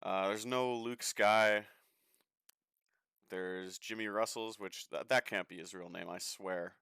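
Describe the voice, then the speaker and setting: A young man rambles through his sim racing stream in a loose, joking way, swearing without a second thought. His voice is on the low side but bright and forceful, and it comes through clean and crisp in a dry, close recording. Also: steady tone, slow pace, dry recording. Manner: chatty, swears freely, offhand and joking. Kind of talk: casual live-stream commentary while racing.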